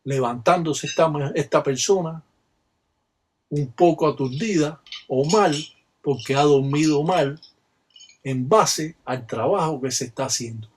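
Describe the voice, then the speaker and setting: Slow husky man. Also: a little high. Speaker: religious practitioner explaining a ritual. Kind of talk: slow instructional narration.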